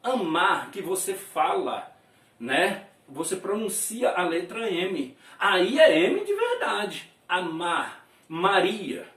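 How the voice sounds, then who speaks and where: A man from Brazil teaches a lesson, spelling out sounds slowly and chuckling as he explains. His voice sits high and moves animatedly up and down. He is heard from a distance in a roomy space. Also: sing-song, a bit bright. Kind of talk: classroom lesson at a board.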